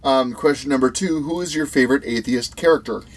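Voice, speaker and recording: A man's voice: mid-range voice, fairly quick. Rambling man hosting a podcast. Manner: rambling, with restarts and fillers. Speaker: podcast co-host asking questions. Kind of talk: casual podcast chat.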